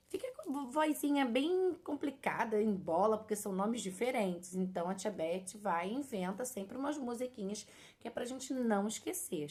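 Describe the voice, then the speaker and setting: A woman teacher speaks to young children at a deliberately slow pace. She sounds out words one syllable at a time. She uses fond, diminutive words and often checks that they follow along. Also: mid-range voice. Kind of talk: children's lesson.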